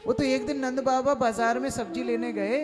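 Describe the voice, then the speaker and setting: A man tells a devotional scripture story, acting out its scenes with animation. His voice sits very high, and flute music plays clearly behind him. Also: fairly even intonation, moderate pace. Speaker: Bhagavat Katha storyteller.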